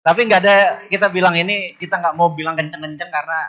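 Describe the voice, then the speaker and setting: A middle-aged man speaking to an audience in a bright, fairly high voice. He tells his stories with animated energy, often leaping up in pitch to act out other people and checking in with the listeners. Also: fast. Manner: asks the audience "bener nggak?". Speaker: business speaker. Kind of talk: storytelling talk to an audience.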